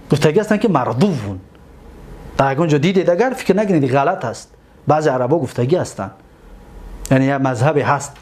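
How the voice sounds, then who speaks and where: A male teacher with a Tajik accent lecturing a class. His voice sits high and swings widely up and down as he explains step by step. He repeats each word and keeps asking his students questions. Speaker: teacher of Arabic morphology.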